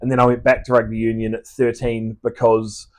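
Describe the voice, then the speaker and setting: Monotone and fairly quick, this man's mid-range voice carries a slight mellowness. A thirty-something Australian podcast guest with an accent mixing Australian and New Zealand, he rambles through casual conversation with restarts and curse words.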